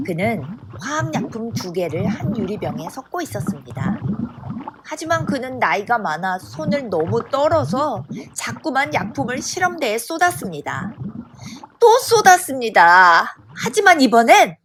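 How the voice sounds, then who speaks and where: A woman narrating a children's storybook in an expressive, dramatic way. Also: a little high, moderate pace, heavy background noise.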